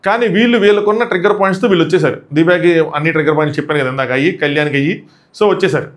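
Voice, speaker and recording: Male reviewer in a live reality-show review, racing through recaps and acting out the quotes, slightly high-pitched. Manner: rapid retelling that acts out quoted arguments.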